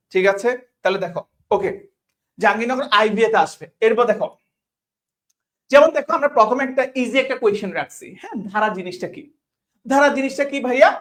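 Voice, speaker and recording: Bangladeshi tutor, repeats himself a lot. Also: male voice, extremely high pitch. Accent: Bangladeshi Bengali. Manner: repeats questions, checks in with students often; mixes English words into Bengali. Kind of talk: online class lecture.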